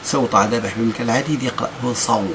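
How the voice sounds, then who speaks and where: A man with a Moroccan accent teaching tajweed, stretching out recited words slowly, then explaining quickly in Moroccan dialect. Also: mid-range voice, steady tone, noisy background. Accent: Moroccan Arabic. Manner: alternates drawn-out chanted recitation with quick explanations. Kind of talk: tajweed lesson with slow demonstrative recitation.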